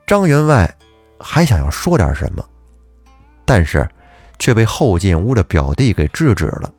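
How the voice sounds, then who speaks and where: A man narrating a folk ghost story on a podcast in a chatty, lively way, with asides to his listeners. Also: on the low side, normal speed, no room sound, faint music behind.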